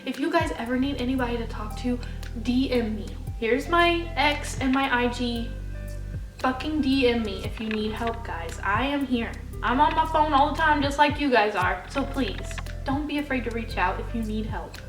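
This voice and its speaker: A woman's voice: a little high, lively intonation, moderate pace. A woman in her twenties talking earnestly to camera, encouraging viewers and swearing casually in unedited vlog talk. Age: 20s. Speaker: vlogger. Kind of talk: unscripted heartfelt talk to camera. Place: home room with her dogs. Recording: echoey room, distant mic, loud music behind.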